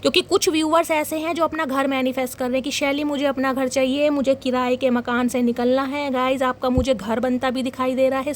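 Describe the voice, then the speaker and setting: A young woman with a high voice gives a dramatic, animated tarot reading and talks straight to her viewers. A faint hiss of noise sits under her voice. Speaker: tarot reader.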